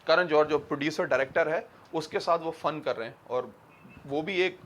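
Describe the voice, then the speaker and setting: Bright-voiced male teacher, high pitch. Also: a little fast, a little hiss or hum. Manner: quizzes students, mixes Hindi and English. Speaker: English teacher. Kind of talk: classroom grammar lesson. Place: classroom.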